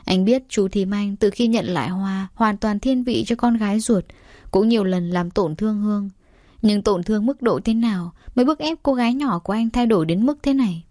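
A woman narrating an audiobook story with a steady, even reading. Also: mid-range voice, brisk, no echo, clean studio sound.

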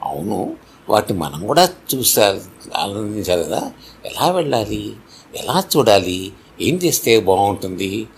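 A man voicing a curious, chatty female turtle in a children's story, in a creaky, husky voice and with eager, wondering questions. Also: on the low side, very animated, measured pace, long pauses, a little hiss or hum, heavily acted.

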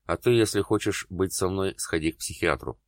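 A man's voice: sits low, normal speed, dry recording, clean studio sound. Man reading a hurt, bitter young man. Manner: bitter, pleading. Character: hurt, desperate young man confronting his lover.

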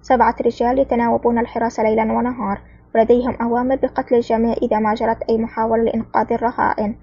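A woman's voice: a little high, level tone, rapid-fire, slightly rough, dull audio. Woman voicing a proud mafia boss. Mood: drowsy. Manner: drowsy when drugged, else commanding. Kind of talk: audiobook character reading.

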